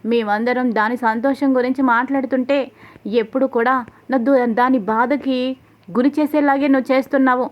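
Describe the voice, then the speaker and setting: A middle-aged wife and mother, sharp and scolding toward her son, in a storybook retelling, spoken by a woman. The voice is high and level, on a slightly dull recording. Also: steady tone, normal speed, natural voice.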